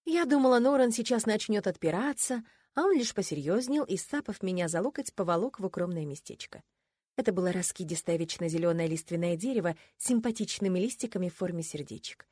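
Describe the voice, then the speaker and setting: A woman's voice: mid-range voice, fairly quick, husky, no echo, clean studio sound. Wry woman reading a first-person audiobook. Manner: wry, ironic, expressive. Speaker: audiobook narrator.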